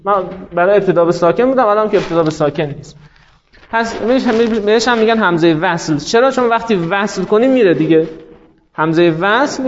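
A man's voice: high voice, slight background noise. A man teaching a class, explaining step by step and asking rhetorical questions that he answers himself. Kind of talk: classroom lecture. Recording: dull lo-fi recording.

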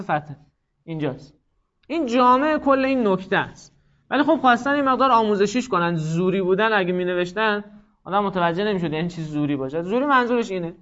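A man's voice: high voice, a bit bright. A man teaching a grammar class, explaining patiently, repeating key points and putting questions to his students. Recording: dull lo-fi recording.

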